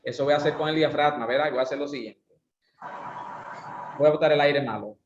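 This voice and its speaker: A man's voice: fairly high pitch, a little fast, background noise. Male voice coach lecturing, didactic, muffled roomy recording. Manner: didactic, asks rhetorical questions. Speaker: voice and speaking instructor. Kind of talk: online class lecture with exercises. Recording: roomy, dull lo-fi sound.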